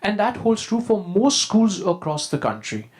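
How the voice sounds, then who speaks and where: A man with an Indian accent giving a prepared talk as a school leader, in a formal, measured and emphatic way. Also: sits high, very animated. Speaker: school deputy head, conference speaker. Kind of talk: prepared presentation to an audience.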